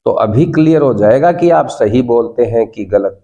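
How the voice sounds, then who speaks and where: A man's voice: mid-range voice, animated, normal speed, warm tone, lo-fi sound. Coaxing Indian male English teacher. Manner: coaxing, repeats prompts for the class to echo. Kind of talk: classroom lesson.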